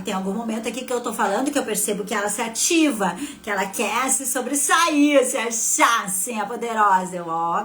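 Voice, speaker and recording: A woman in her fifties with a southern Brazilian accent from Rio Grande do Sul shares a heartfelt personal testimony on a live stream, in a somewhat high voice. She moves from hushed asides to loud bursts and often talks to herself. A faint background hiss runs under the recording. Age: 50s. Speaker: spiritual therapist and live host.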